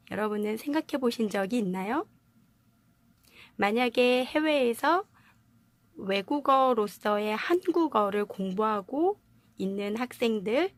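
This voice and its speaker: A woman with a fairly high voice teaches language pronunciation in a video lesson, explaining patiently and posing rhetorical questions to her viewers. There's no echo on the recording.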